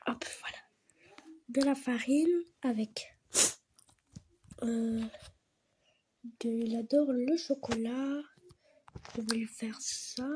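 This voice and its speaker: A woman's voice: high-pitched, background noise. A woman narrating her doll-house game role-play, often dropping into whispered asides.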